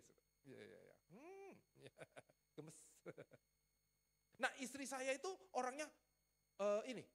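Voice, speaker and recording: A male pastor with a slightly high voice gives a sermon in a church. He tells stories in a light, joking way and acts out the dialogue with small shifts in his voice. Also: creaky. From Riau, Sumatra, Indonesia. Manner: lively storytelling with playful asides, acts out dialogue.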